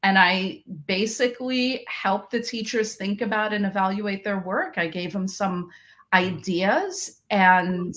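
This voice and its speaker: Speaking slowly, a Queens, New York woman with a mid-range, fairly bright voice shares her story as a podcast guest. She researches math education, and in this interview conversation she's reflective, often beginning sentences again.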